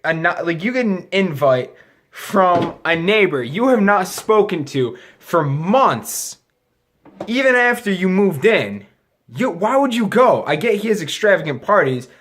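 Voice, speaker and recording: A man's voice: high-pitched, fairly bright tone. A man getting drunker as he gives a casual, rambling film review, losing his thread, restarting sentences and swearing crudely. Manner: profane, crude slangy talk. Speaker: amateur movie reviewer.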